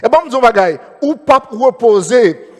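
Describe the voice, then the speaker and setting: A man's voice: extremely high pitch, animated, moderate pace, darkish tone, long reverb tail. A man with a Haitian Creole accent preaching a sermon as pastor, repeating phrases and calling out amen. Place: church.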